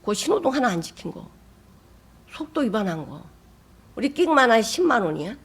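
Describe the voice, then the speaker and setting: A woman pastor giving a sermon, who swings from loud emphatic bursts to soft, near-whispered asides. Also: very animated, fairly quick, slightly rough. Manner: emphatic, with sudden rises in pitch and loudness.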